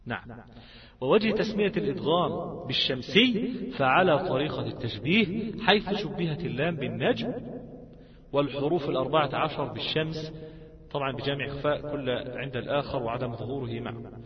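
A man with an Egyptian accent teaching a lesson on reciting rules, asking rhetorical questions and chanting lines of verse slowly. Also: mid-range voice, lively intonation, crowd noise. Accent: Egyptian Arabic. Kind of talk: Egyptian colloquial lesson on tajweed. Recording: echoey, long reverb, dull lo-fi sound.

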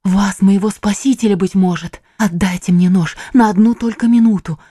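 Woman doing a scheming captive noblewoman, theatrical and pleading, darkish low voice, dry studio sound. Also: fairly even intonation, moderate pace, mellow, husky, no room sound, natural voice. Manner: theatrical, imploring. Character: cunning, desperate young noblewoman captive. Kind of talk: audiobook reading.

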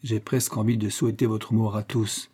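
A man reading the part of a gloomy, somber young heir in an audiobook, speaking gravely. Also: on the low side, level tone, brisk, dark tone.

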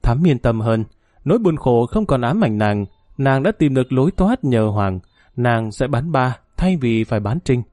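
A man narrating an audiobook in a slow, mournful storytelling manner. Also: medium pitch, sing-song, warm tone, no room sound, clean studio sound. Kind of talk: scripted narration.

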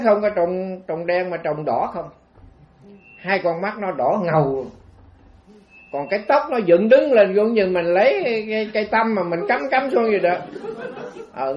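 A man with a Southern Vietnamese accent, a Buddhist monk telling a story in a dharma talk, chatty and full of fillers, on a dull lo-fi recording. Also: high voice. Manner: chatty, meandering, frequent fillers.

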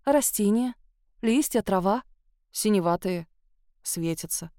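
Woman narrating a story softly and closely. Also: mid-range voice, expressive, measured pace, no echo, clean studio sound. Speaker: audiobook narrator. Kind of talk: first-person audiobook narration.

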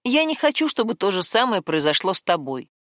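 A woman's voice: mid-range voice, big pitch swings, brisk, a bit bright, no echo, studio quality. A woman voicing a guarded man with a secret, coaxing and defensive by turns, in an audiobook.

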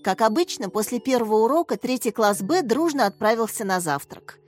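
A woman reading a children's story aloud in an expressive audiobook style, raising and brightening her voice for the characters' lines. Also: fairly high pitch, fairly quick, faint music behind. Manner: gives each character a slightly raised, lively voice. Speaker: audiobook narrator.

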